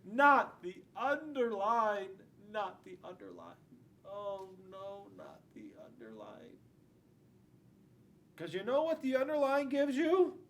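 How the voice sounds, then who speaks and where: Captured by a camera a few feet away in a school classroom, an American man in his forties, a school resource police officer, reads a picture book aloud with flair and puts questions to the children. The audio has noticeable room noise and a low rumble.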